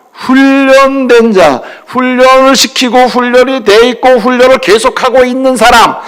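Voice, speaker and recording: A man preaching a sermon as pastor, emphatic and constantly putting rhetorical questions to the congregation. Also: high-pitched.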